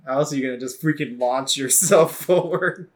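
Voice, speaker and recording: A man's voice: medium pitch, normal speed. A man co-hosting a casual podcast, laughing often and swearing freely as he talks. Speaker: podcast co-host. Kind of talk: casual chat.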